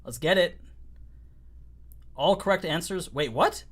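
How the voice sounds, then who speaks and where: A man's voice: fairly high pitch, normal speed, a bit bright. A man hosting a casual livestream who laughs often and repeats himself when he gets flustered. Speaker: host.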